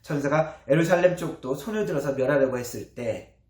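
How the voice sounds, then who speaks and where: A man preaching a sermon as pastor, with earnest emphasis and soft trailing endings. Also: fairly high pitch, a little fast. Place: church sanctuary. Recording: echoey church hall.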